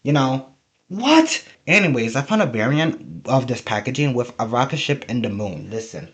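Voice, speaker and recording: A man's voice: medium pitch, expressive, brisk, fairly bright tone. A man giving casual, humorous, rambling video commentary, often interrupting himself, who says a w-like sound for r. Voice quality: trouble pronouncing R, says w-like sound for r. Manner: rambling, jokey, self-interrupting. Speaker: video host.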